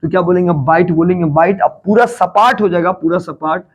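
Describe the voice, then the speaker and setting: A man with a Bihar Hindi accent teaching a geography lesson, repeating key terms and quizzing the class, rising on questions and dropping low on the answers. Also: a little fast, slight background noise.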